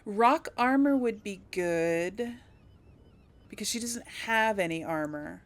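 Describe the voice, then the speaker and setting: A woman with a mid-range voice speaks slowly but animatedly as a let's play host, role-playing a character. She offers casual game commentary, chatting and thinking aloud as she goes.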